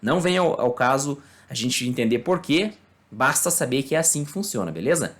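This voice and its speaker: A Brazilian man, a native Portuguese speaker, giving a casual online English lesson, explaining slowly and checking in with tag questions and fillers. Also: medium pitch, sing-song, a bit bright. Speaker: English teacher.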